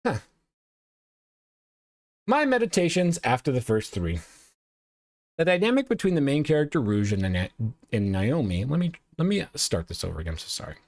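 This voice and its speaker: A man's voice: medium pitch, sing-song, normal speed, pauses often, no echo, clean studio sound. A male show host casually recapping and reviewing anime episodes, rambling and often correcting himself with lots of uhs.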